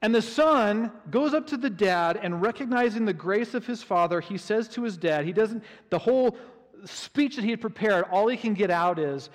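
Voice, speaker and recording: High-voiced male pastor, animated storyteller, long hall reverb. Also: moderate pace. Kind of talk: sermon.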